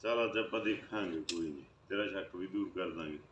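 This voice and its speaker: An actor playing a tenant husband who calmly reassures his wife. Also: deep voice, quick pace, highs cut off, a little hiss or hum. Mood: reassuring. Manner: steady, reassuring. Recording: echoey room.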